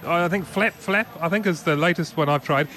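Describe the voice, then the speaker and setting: Guy cohosting a tech podcast, higher voice, loose rambly chat with little laughs. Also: fairly quick, fairly bright tone. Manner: chatty, rambling with restarts and laughs. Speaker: podcast co-host. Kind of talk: casual tech news chat.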